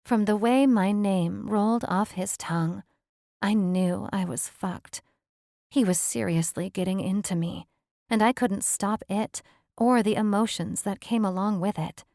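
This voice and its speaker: A woman's voice: mid-range voice, measured pace, darkish tone, no echo, clean studio sound. A woman reading a romance audiobook aloud, voicing the characters' lines lightly within her narration.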